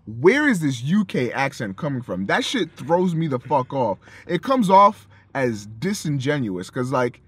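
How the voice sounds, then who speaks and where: A man co-hosting a casual music review chat, animated and profane, acting out his own reactions. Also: mid-range voice, unhurried, hardly any pauses, breathy edge, dry recording. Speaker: co-host of a music review show.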